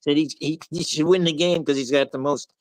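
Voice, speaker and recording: A man's voice: a little high, fairly even intonation, a little fast, no echo, low-quality recording. An older man on a sports talk panel, grumbling and sarcastic, often restarting his sentences. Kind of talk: casual sports banter.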